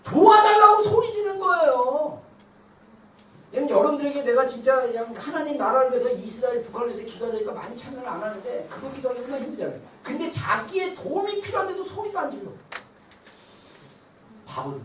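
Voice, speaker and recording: A woman in her thirties preaching a lively sermon as pastor, at times shouting out cries to God. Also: on the high side, fast, a little hiss or hum. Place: church sanctuary. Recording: roomy church hall from far off.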